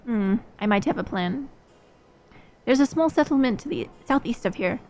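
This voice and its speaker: A woman reading aloud a calm game companion explaining a plan, in a measured way. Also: fairly high pitch. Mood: planning.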